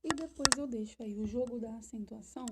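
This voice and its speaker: A woman's voice: on the high side, a little fast, very noisy. A woman with a Brazilian Portuguese accent teaching a remote lesson to primary school children, explaining step by step and asking questions.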